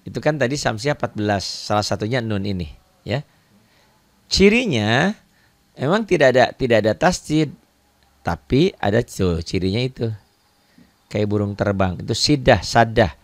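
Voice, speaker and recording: A man's voice: fairly low pitch, lively intonation, normal speed, long pauses, no room sound. Patient male Quran reading teacher. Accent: Indonesian. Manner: patient, repetitive, pointing at examples. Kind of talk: online recitation lesson.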